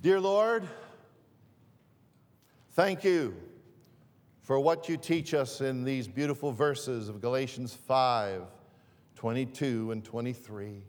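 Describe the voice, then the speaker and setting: A man preaching a sermon as pastor, repeating and restarting his phrases in a deliberate way. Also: mid-range voice, big-room sound. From northern Greece.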